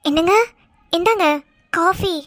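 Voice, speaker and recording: A woman's voice: very high-pitched, moderate pace, fairly bright tone. A woman voicing a sly scheming cartoon wife. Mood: mock sweet. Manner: sly, sugary mock-sweet talk. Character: mischievous young wife plotting revenge.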